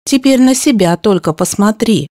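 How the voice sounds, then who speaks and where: A woman reading an audiobook, voicing a sharp-tongued young woman who scolds in a hissing tone. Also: mid-range voice, animated, moderate pace, no echo, clean studio sound, close to an everyday voice. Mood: scolding.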